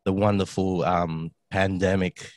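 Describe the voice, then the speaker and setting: A young man in his twenties with a very low voice, chatting as a podcast guest. He rambles easily, with plenty of "um"s and a laugh here and there. The sound is dry and close to the mic. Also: unhurried, no echo. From Australia. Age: 20s. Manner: relaxed, rambling, with many fillers and laughs. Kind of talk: casual conversation.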